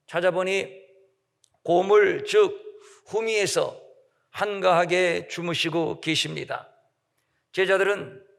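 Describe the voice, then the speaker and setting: Male pastor, high-pitched, gravelly voice, measured emphatic sermon, long hall reverb. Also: fairly bright tone. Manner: measured, emphatic preaching with dramatic pauses. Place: large church sanctuary.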